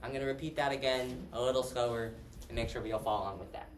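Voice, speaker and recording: A man's voice: medium pitch, fairly even intonation, racing. Man lecturing in an echoey hall. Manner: conversational, asks the class questions. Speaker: math lecturer. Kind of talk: classroom lecture. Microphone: distant room mic. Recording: roomy, distant, faint hiss.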